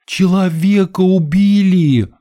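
A man voicing a theatrical, hysterical plump woman on holiday, shrill and melodramatic. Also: takes it slowly, mellow.

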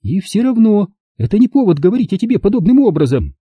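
A man voicing a sharp-tongued, indignant middle-aged mother, scolding in a raised voice. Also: sits high, sing-song, quick pace, slightly rough, no echo, pitched above the performer's own voice, full character voice.

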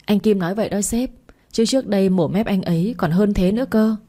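A woman's voice: mid-range voice, a little fast, dark tone, natural voice. A woman reading the lines of a jovial, loyal male site manager in a storybook.

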